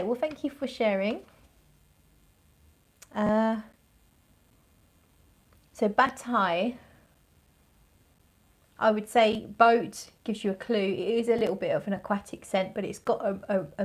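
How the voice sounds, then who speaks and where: A woman hosting a casual livestream as a fragrance reviewer, thinking aloud in a rambling, conversational way and searching for her words. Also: medium pitch.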